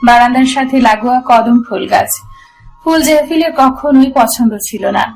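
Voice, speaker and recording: High-voiced woman narrating a romance. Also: moderate pace, a little mellow, faint music behind, rough recording. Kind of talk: scripted narration of a romance audio story.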